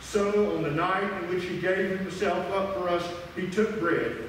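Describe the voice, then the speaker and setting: Man's prayer in cathedral echo. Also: high-pitched. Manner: measured, prayerful liturgical reading with small verbal asides. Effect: cathedral echo, long hall reverb. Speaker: pastor. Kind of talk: leading Communion liturgy. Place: large church sanctuary. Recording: echoey sanctuary, distant mic, faint hiss.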